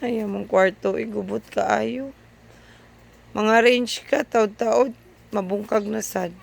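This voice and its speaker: A woman's voice: medium pitch, steady tone, takes it slowly, creaky. A woman with a Cebuano accent filming a casual home vlog, coaxing her toddler and slipping in simple English words. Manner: coaxing, mixes English words in for a small child. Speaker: parent vlogger. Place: home room.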